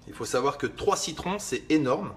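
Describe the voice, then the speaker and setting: A man's voice: mid-range voice, big pitch swings, normal speed. A man vlogging in a casual, slangy way while making a drink in his kitchen, swearing lightly and rambling with asides to the viewer. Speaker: fitness vlogger. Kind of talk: casual video chat while preparing a drink.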